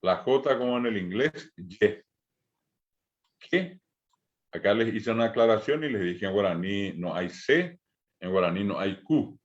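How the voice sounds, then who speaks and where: A middle-aged man with a Paraguayan Spanish accent teaching a language lesson, slowly repeating each sound for learners to copy. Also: on the low side, animated, muffled recording.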